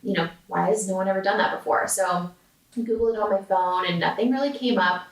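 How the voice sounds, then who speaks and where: A woman's voice: mid-range voice, quick pace. A woman, chatting casually as an interview guest, full of "um" and "like". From San Diego, California. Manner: chatty, with many filler words and "like". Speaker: guest, food company founder. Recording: roomy sound, distant mic.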